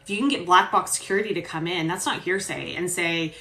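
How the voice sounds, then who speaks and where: A woman's voice: on the low side, steady tone, a little fast, pushed and bright. A woman lawyer giving casual legal commentary, explaining points conversationally with fillers. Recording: roomy echo.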